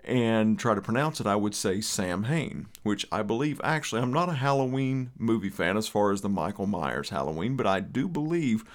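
A man's voice: on the low side, lively intonation, fairly quick, few pauses. A man with an Eastern Kentucky accent hosting a podcast in a conversational, rambling way with folksy asides. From Eastern Kentucky, USA. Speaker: podcast host.

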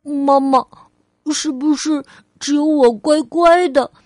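A curious, anxious little girl from a storybook, speaking in a high, eager child's voice, as a woman reads her lines. Her questions come slowly, one careful word at a time. The sound is dry and close. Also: steady tone, no room sound. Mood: pleading. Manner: asks questions in a higher, louder child voice.

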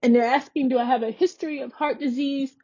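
A woman's voice: sits high, fairly even intonation, fast, dark tone, highs cut off, faint music behind. A woman hosting a podcast, earnestly and emphatically retelling a personal experience. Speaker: podcast host. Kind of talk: personal storytelling.

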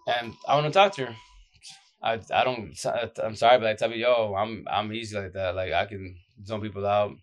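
A man with a deep, groggy, exhausted voice giving casual, blunt relationship advice off the cuff in slangy, repetitive phrases. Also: fairly even intonation, moderate pace. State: exhausted, short of sleep. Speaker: social media advice streamer.

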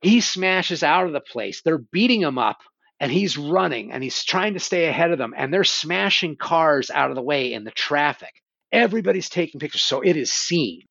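A man hosting a podcast talks casually about horror films, animatedly retelling their stories and cursing from time to time. His voice is fairly high, gravelly, and fairly bright, with lively intonation at a moderate pace, in a dry, lo-fi recording.

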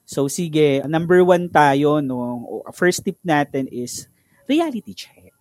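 A man's voice: a little high, expressive, takes it slowly, darkish tone, dry recording, clean studio sound. A Filipino-accented man chatting casually as a podcast co-host, slipping English phrases into his talk. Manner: chatty, mixing English into Tagalog.

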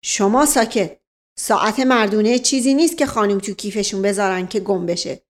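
A woman's voice: mid-range voice, close to an everyday voice. A woman voicing a blustering male police inspector who barks short commands. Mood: bullying.

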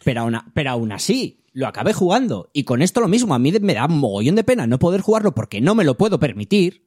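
A man's voice: on the high side, very animated, fast talker, darkish tone, breathy edge, dry recording, studio quality. A man, co-hosting a podcast and chatting frankly and earnestly. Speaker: podcast co-host. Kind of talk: casual chat.

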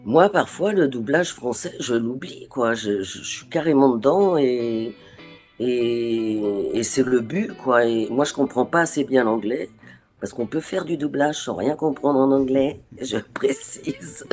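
A woman's voice: a bass voice, unhurried, soft background music. A woman voice actress from France, talking in an interview in a hesitant way, with frequent restarts, and acting out the dialogue she remembers. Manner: animated, acts out remembered dialogue. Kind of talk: interview conversation.

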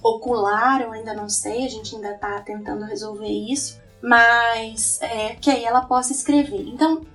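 A woman with a Brazilian Portuguese accent talks through her teaching process in an earnest, explanatory way, checking in with frequent tag questions. Her voice is a little higher than usual and sounds slightly distant from the microphone. Faint music plays in the background. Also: steady tone, moderate pace, a bit bright. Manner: earnest, often tags "né". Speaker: educator. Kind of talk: explanatory presentation.

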